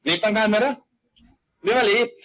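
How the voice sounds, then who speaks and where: Male co-host, high voice, joking, quick shoutouts to viewers, casual chat. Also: poor audio.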